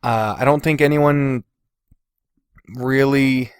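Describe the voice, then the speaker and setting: Smooth and medium-pitched, his voice moves slowly with fairly even intonation. The man, a podcast host and video creator, talks casually alone in his bedroom, self-deprecating, sweary and prone to digressions. A Blue Snowball omnidirectional USB mic delivers studio-quality sound with no room noise.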